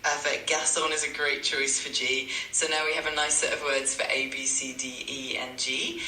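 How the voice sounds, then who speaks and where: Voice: mid-range voice, flat delivery, moderate pace, bright, forceful tone, roomy sound, recorded from a distance, slight background noise, poor audio. A synthetic AI language tutor voice, polite and eager to please, repeating stock phrases. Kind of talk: chatbot tutoring replies.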